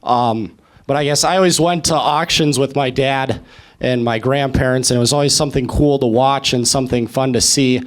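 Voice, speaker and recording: A man's voice: medium pitch, fairly even intonation, moderate pace. A young man and student, speaking casually and easygoing as a panel guest. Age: young adult. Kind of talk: casual talk at a live panel.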